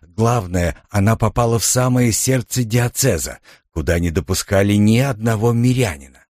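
A man reading a novel aloud as an audiobook narrator, steady and measured. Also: fairly low pitch, no echo, clean studio sound. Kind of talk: scripted narration.

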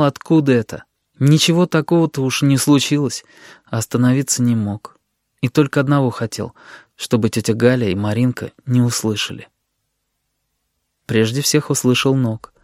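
Male audiobook narrator, gentle even storytelling, dry close recording. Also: mid-range voice, no room sound.

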